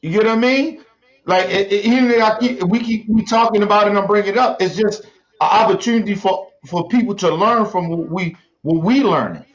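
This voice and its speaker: A high-voiced man hosting a group voice chat, his audio coming through dull and lo-fi. He calls people in by name and cuts in with questions when a point isn't clear. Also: fairly quick. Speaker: host moderating an online group discussion.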